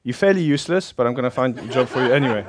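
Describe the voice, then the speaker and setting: A man's voice: medium pitch, animated, rapid-fire, a crowd in the background. Chatty South African-accented male preacher. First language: Polish. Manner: chatty, self-deprecating, laughs often. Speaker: pastor. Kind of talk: informal preaching to a congregation.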